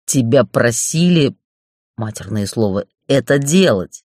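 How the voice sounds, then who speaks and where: A narrator pushes his mid-range voice down to play a crude, foul-mouthed middle-aged boss in an audiobook, bullying, swearing and mocking in an angry way. The delivery is unhurried and a little mellow, with lively intonation. Sound is clean studio quality without echo.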